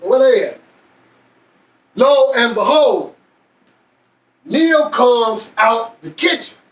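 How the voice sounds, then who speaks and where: A man telling a personal story in a slow, deliberate way with long pauses. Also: very high voice, lively intonation, a bit bright. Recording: echoey room, far from mic.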